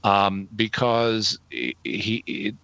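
A middle-aged man with an Arkansas Southern accent, explaining things conversationally in a deliberate, halting, analytical way. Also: lowish voice, very animated, gravelly, pushed and bright, dry recording, dull audio. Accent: Arkansas Southern American. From Arkansas, United States. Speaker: guest answering listener questions.

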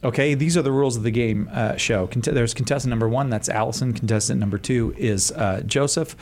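A man's voice: medium pitch, fairly quick, darkish tone. Playful male game show host, noisy background. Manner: teasing, mock-doubtful. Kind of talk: playful, jokey hosting banter. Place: studio.

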